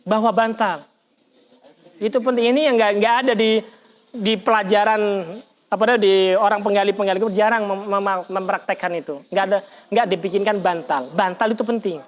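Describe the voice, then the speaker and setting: A man. He demonstrates as he explains and keeps asking his listeners questions. His pitch jumps up suddenly in exclamations. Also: brisk. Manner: animated, colloquial, demonstrating with gestures, asks the audience questions. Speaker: religious teacher. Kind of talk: lively Islamic study lesson with demonstration.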